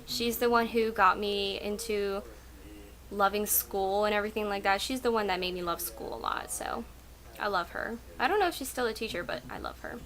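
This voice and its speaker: Chatting at home at night, a young woman answers tag questions for her casual vlog, rambling on with lots of fillers like "um" and "like." She's a native Russian speaker with a mid-range, fairly bright voice and a moderate pace.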